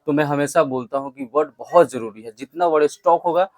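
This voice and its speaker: A man's voice: on the high side, a little fast, dry recording. A young male English teacher giving a vocabulary lesson, spelling each word out letter by letter and having the class repeat it back. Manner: call-and-response drilling, spells words letter by letter.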